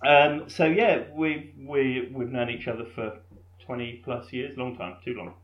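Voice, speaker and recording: A man in his thirties from England hosts a casual podcast from his front room, joking with his friends and teasing them. His medium-pitched voice is a little slow, and the home recording sounds roomy, dull and lo-fi.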